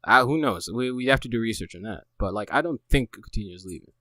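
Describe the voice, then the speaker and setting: A man co-hosting a football podcast, talking casually and excitably, stumbling over restarts and laughing often. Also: on the low side, fast talker, dry recording. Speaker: podcast co-host.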